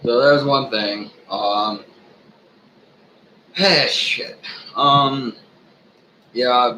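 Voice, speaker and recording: A man's voice: mid-range voice, fairly bright tone, a little hiss or hum, low-quality recording. Drunk man on a rambling, profane rant. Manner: profane, halting, frequently losing his thread. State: drunk, slurring and losing his thread. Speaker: online ranter, video host. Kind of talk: rambling off-the-cuff opinion rant.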